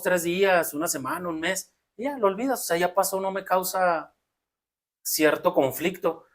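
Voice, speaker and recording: Reflective Mexican man on a podcast. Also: high-pitched. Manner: reflective, explains at length with many restarts. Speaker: podcast co-host. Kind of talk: casual podcast conversation.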